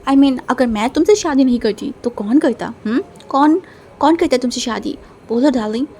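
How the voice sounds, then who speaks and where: A woman's voice: sits high, normal speed, warm tone, a little hiss or hum. A woman voicing a male gangster villain, a teasing, possessive husband, in a storybook reading.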